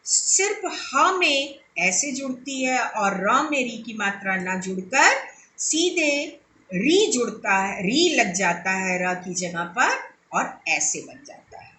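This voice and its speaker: A woman teacher giving a recorded lesson to young children, slowly and deliberately saying sounds for them to copy and checking that they understand. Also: fairly high pitch, big pitch swings, sharp tone, echoey room, slight background noise, poor audio.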